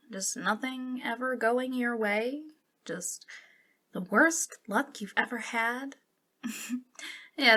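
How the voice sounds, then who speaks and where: In an ASMR roleplay, a woman plays a friendly young witch who runs a little shop, using a full character voice. She talks softly and without hurry in a fairly high voice that often slips into vocal fry. Her manner is eager but awkward, hesitant and a bit giggly, with a teasing, coy mood.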